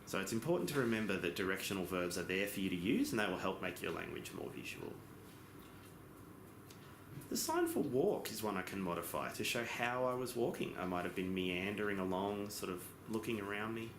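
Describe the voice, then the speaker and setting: A man giving a simultaneous interpretation as voice-over for a lesson, explaining in phrases with pauses and occasional self-corrections. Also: sits low, animated, fairly bright tone. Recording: echoey room with background noise.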